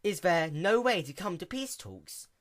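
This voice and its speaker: A man voicing a calm, regal elder-sister pony princess who rules gently, speaking in a measured, formal way. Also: high voice, pitched above the performer's own voice. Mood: composed.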